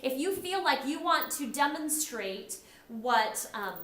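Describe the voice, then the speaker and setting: Recorded in an echoey classroom, a middle-aged woman from the US lectures in a chatty style, often performing the comments she quotes. She speaks slowly in a high, slightly bright voice with lively intonation.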